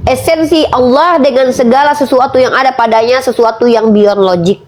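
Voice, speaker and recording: A woman argues her religious point in a debate. Her voice sits somewhat high. She is forceful and talks in rhetorical questions, stretching words to drive home key points. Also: normal speed, slight background noise. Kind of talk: debate argument.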